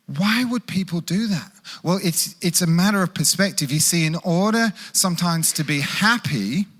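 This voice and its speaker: A man's voice: high-pitched, moderate pace. Conversational male pastor preaching. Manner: conversational preaching with animated quoted voices. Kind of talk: sermon.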